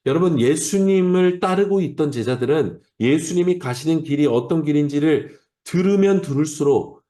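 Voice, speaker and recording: A man's voice: mid-range voice, dark tone. A male pastor preaching an early-morning sermon, explaining a Bible passage in an earnest way and speaking directly to his listeners. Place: church or home, streamed to an online service.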